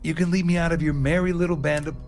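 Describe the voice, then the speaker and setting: A man's voice: on the high side, steady tone, fast talker, darkish tone, natural voice. A man playing a bitter, vengeful crook in a video game, talking in a slangy, cynical way. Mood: angry, threatening. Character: bitter, vengeful male crook cutting a deal. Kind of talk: video game dialogue acting. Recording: music behind the voice.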